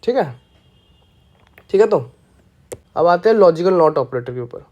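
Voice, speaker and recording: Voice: mid-range voice, animated, measured pace, a little mellow, highs cut off. A programming teacher giving a casual screencast lesson, playful and often checking that listeners follow along.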